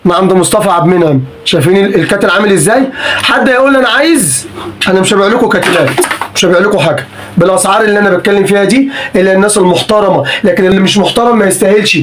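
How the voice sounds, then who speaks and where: A man with an Egyptian Arabic accent pitches secondhand goods in a high, quick voice. He is pushy and exasperated, and he repeats prices over and over. The phone recording is noisy, with clicks behind him. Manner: pushy, repetitive, exasperated haggling. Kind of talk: sales pitch vlog. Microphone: phone camera.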